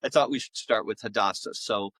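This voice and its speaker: An author who directs a voice-acting school chats as a podcast guest, telling stories with enthusiasm, emphasis, dramatic pauses, and repetition. His lowish voice is a bit bright, and the sound is close and dry with no echo.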